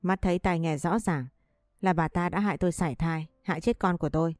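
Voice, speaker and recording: A wronged second wife in a storybook drama, furious and grieving, bites out every word with bitterness, voiced by a woman narrator. Her voice stays low and mellow. It is recorded dry and close, with soft music under it. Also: brisk, no echo, close to an everyday voice. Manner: bitter, biting out each word.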